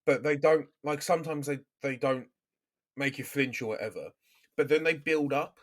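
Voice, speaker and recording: A man's voice: mid-range voice, normal speed. A man co-hosting a podcast in casual chat, laid-back, explaining things with lots of ums. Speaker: podcast co-host.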